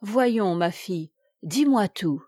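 A woman voicing a gentle young mistress of the house who speaks softly and soothingly in a read-aloud novel. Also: mid-range voice, lively intonation, slow pace, no room sound, studio quality. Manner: soft, hushed and soothing.

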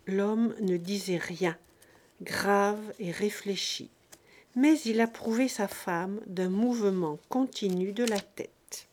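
A woman narrating a classic story in a slow, deliberate audiobook reading. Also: medium pitch, a little mellow.

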